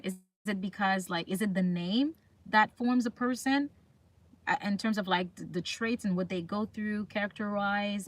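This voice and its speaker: A woman's medium-pitched, fairly bright voice comes through a dry recording as she hosts a livestream. Chatty and casual, she reads viewer comments aloud and repeatedly turns questions back to the people watching.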